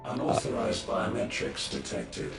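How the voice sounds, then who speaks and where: A man voicing the stern male security system of an ancient tower in a game, giving flat, clipped machine announcements. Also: very deep voice, unhurried, gravelly, heavily acted. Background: game music.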